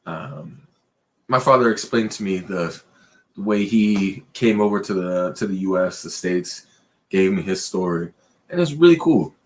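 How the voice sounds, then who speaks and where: Unhurried yet animated, this man co-hosts a laid-back late-night chat show as a podcast co-host. He rambles loosely and pushes his pitch high and low to stress his points.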